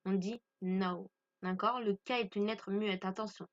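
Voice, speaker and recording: A woman's voice: medium pitch, fairly even intonation, moderate pace, highs cut off. A woman from France teaching English grammar to French speakers, patiently stressing pronunciation and repeating each point.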